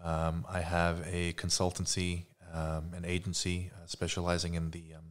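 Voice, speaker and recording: An Australian man talks at length on a casual podcast. His voice sits very low and stays flat, with little rise or fall. He is measured and wordy, filling pauses with ums and uhs. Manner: talkative, measured, lots of fillers. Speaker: podcast guest.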